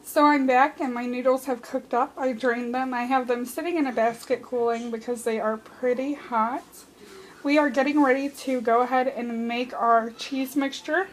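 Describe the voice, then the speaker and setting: High-voiced woman chatting through a recipe. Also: steady tone, moderate pace, low-quality recording. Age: young adult. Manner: chatty, step-by-step instructions to viewers. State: losing her voice. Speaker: home cooking vlogger. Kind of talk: casual cooking demonstration. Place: home kitchen. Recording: cooking and dish noise in the background.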